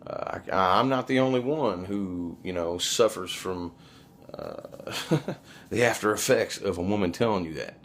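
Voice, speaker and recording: A man's voice: sits low, very animated, unhurried, creaky, fairly bright tone, slight background noise. A man telling personal stories in a casual, rambling, blunt and profane conversational way, like a vlogger. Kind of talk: casual, rambling confessional storytelling.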